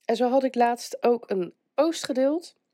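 Mellow congested woman podcaster with a cold. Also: on the high side, animated, measured pace, no room sound, clean studio sound. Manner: chatty, hesitant, breaks into small laughs. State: getting over illness, stuffed up with a cold. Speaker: podcast host. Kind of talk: casual solo motivational podcast talk.

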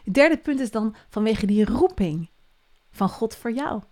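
Woman doing a devotional podcast, earnest and encouraging, goes soft and hushed a lot. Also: a little high, animated, unhurried. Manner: earnest and encouraging, often dropping to a soft hush.

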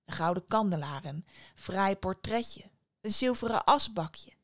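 A woman tells a fairy tale aloud with an expressive, storybook reading. Her voice sits at an ordinary middle pitch for a woman. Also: measured pace.

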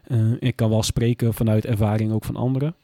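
A man's voice: fairly low pitch, little pitch movement, brisk, mellow, no room sound, clean studio sound. A man in a candid interview who speaks bluntly and plainly and often swears. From Groningen. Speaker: guest, former police officer.

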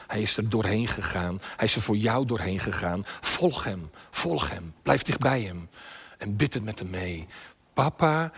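A male pastor with a slightly husky voice delivers an impassioned sermon. He swings between loud, pleading cries and hushed, almost whispered prayer. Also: fairly low pitch.

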